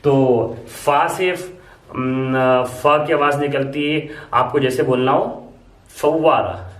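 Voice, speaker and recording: At a board, a man teaches the Arabic alphabet to beginners, explaining each letter patiently, step by step, with lots of repetition. His medium-pitched voice is steady, slow, and fairly bright. The mic is distant, giving a roomy echo.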